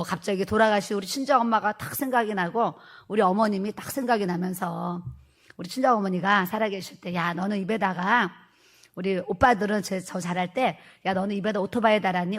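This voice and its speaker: A middle-aged woman, a pastor's wife, giving a lively testimony, acting out quoted voices and laughing often. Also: medium pitch. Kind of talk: testimony talk.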